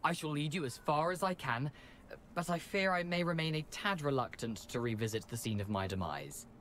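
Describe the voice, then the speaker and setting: Wry young ghost guy from a game, reluctant n theatrical, swingy pitch, faint noise behind. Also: animated, brisk, a bit bright. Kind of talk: video game voice acting.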